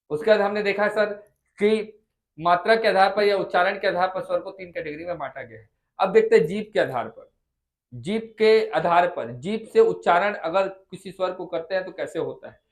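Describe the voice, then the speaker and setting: A Hindi tutor with a Chhattisgarh Hindi accent teaches a classroom lesson in a high-pitched voice. He coaxes his students, sounding out vowels again and again to check they follow.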